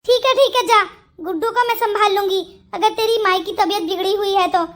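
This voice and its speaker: A woman's voice: extremely high pitch, brisk. A woman voicing a suspicious middle-aged mother-in-law in a Hindi cartoon story, probing and reproachful.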